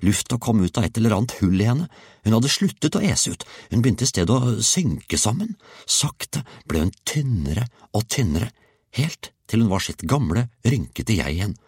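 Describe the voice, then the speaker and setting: A man reading a children's story aloud, with an expressive, playful delivery. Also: fairly low pitch, husky, no echo, studio quality. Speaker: audiobook reader. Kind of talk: storybook narration.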